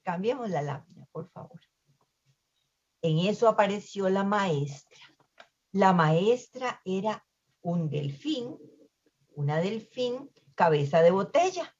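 A woman telling a children's story in an expressive, lively way. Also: medium pitch, slow, long pauses, slightly rough, highs cut off.

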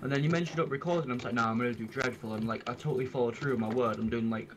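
A man's voice: medium pitch, very fast. A man with a Scottish accent chatting casually while gaming, with slangy, matey street banter. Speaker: gamer. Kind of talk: casual chat over multiplayer game. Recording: clear keyboard clicking noise. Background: keyboard and clicking.

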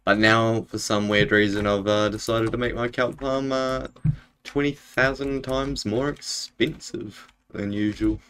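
Talking indoors from his home room, a young Minecraft streamer keeps up relaxed, filler-heavy chat with his viewers while he plays. He has a lowish, somewhat bright voice with fairly even intonation and an unhurried pace, and a little background noise can be heard.

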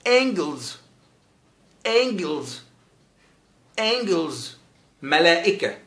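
An Egyptian man teaches vocabulary with a bright, slightly high voice. He stretches each English word out slowly and says it again and again. The room gives his voice a roomy echo. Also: very animated. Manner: says English words very slowly and repeats them, then explains quickly. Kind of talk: vocabulary lesson with slow repetition.

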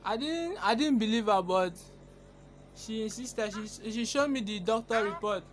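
A man's voice: sits high, a little slow, a little hiss or hum. A young man making a casual prank call, hesitant and stammering, recorded on a phone camera at arm's length. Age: young adult.

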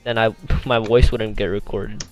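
A young man hosts a casual gaming session from his home setup, keeping his voice low because it is late at night. He sits close to a desk mic, with faint game music playing behind him. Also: flat delivery, normal speed. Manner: talking quietly late at night, laughing often. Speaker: gaming channel host.

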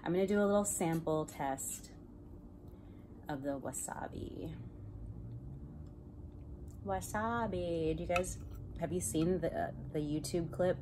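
Low-voiced playful woman mukbang host. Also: noisy background. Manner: playful, chatty, joking. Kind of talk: casual mukbang chat while eating.

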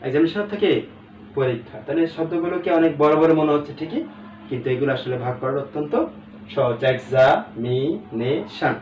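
Male teacher, mid pitch, patient syllable drills; roomy, distant mic with faint room noise. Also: expressive, darkish tone, dull audio. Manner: spells out words slowly syllable by syllable, checks in with "ঠিক আছে?". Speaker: English teacher. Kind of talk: recorded classroom lesson. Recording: echoey room, away from the mic, faint background hum.

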